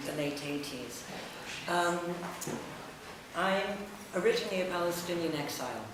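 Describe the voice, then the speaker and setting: At a public event, a middle-aged female writer and editor speaks about her essay in a low voice, pausing often in a partly improvised talk. The indoor room is very echoey, and the distant recording carries clear background noise.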